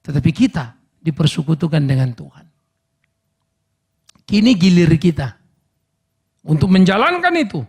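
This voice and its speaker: A middle-aged male pastor preaching a sermon in a church service, animated and acting out everyday dialogues. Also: a little high, gravelly, slightly rough.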